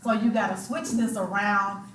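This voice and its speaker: A woman's voice: medium pitch, steady tone, moderate pace, a bit bright. A woman lecturing a college math class, talking in a colloquial, emphatic way and repeating her key points. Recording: echoey classroom, faint room noise.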